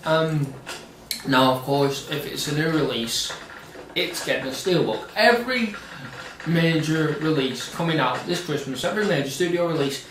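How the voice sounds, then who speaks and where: Guy ranting about movies, kinda high voice, echoey room from far off. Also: animated, moderate pace. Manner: opinionated, emphatic, swears casually. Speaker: co-host. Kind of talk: casual film discussion. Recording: roomy echo, distant mic, faint noise.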